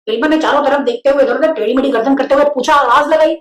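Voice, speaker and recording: A woman narrating a children's story in a lively, playful way. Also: high-pitched, racing, recorded from a distance. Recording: echoey room.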